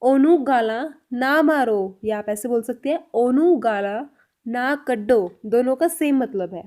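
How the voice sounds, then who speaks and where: High-voiced woman teaching a language lesson. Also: a little mellow. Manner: says each example sentence slowly and repeats it; clear, patient explanation addressed to viewers.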